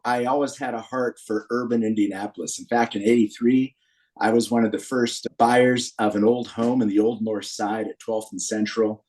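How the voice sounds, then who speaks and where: An American man in his late sixties from Berkeley, California, appears as a podcast guest and founder of a men's community group. He tells personal stories in an earnest, anecdotal way, his voice on the low side and a little mellow. The recording is rough.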